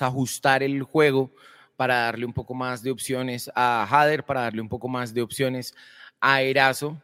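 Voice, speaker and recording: A man's voice: medium pitch, fairly bright tone, long reverb tail. Hesitant man hosting sports talk. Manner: hesitant, many fillers. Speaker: sports show host. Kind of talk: casual football talk.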